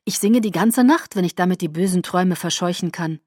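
Woman voicing a tender young man, low and hushed, anxious and protective, close and dry, audiobook. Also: a little fast, no echo, natural voice. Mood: gentle. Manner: soft and hushed, often near a whisper.

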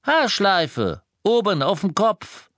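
A man's voice: high-pitched, very animated, takes it slowly, fairly bright tone, no room sound, exaggerated voice. Mundungus, a man doing a whiny shifty crook wizard. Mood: evasive. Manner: whiny, defensive, cursing. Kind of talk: audiobook character voice.

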